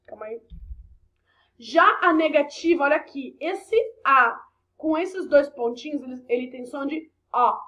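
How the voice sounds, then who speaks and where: A woman's voice: high-pitched, fairly bright tone, muffled recording. A Brazilian woman teaching an English class, explaining step by step with chatty asides and frequent "ok?" checks. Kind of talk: recorded online class explanation.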